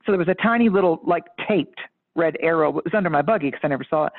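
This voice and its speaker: A woman psychic tells a story as a guest, lively and emphatic, breaking into laughs mid-sentence. Her voice comes through a narrow, tinny phone line. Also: sits low, very fast. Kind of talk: animated anecdote-telling in casual chat. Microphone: phone or call line.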